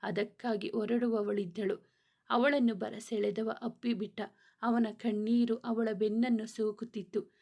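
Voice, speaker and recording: A woman's voice: on the high side, flat delivery, a little slow, creaky, dark tone. Woman narrating a romance story.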